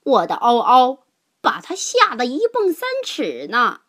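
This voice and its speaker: A woman voicing a scheming, boastful male lion in a children's story, dropping to a hush as he plots. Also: on the high side, very animated, unhurried, breathy edge, exaggerated voice. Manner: hushed conspiratorial then boastful.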